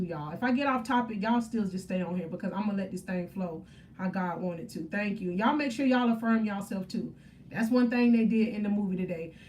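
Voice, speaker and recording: A woman in her 30s hosts a faith-centered motivational livestream, chatting casually with viewers and answering their comments in an upbeat, preachy way. Her voice is a little high and a little mellow, and she sounds far from the mic.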